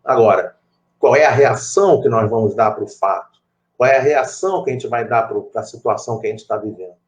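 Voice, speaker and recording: A man's voice: mid-range voice, a little fast. Middle-aged carioca guy leading a study group, chatty, loops back on his words a lot. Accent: Rio de Janeiro Portuguese. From Brazil. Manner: anecdotal and reflective, with many asides and repeated phrases. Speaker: spiritist study group leader. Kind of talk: conversational group study talk.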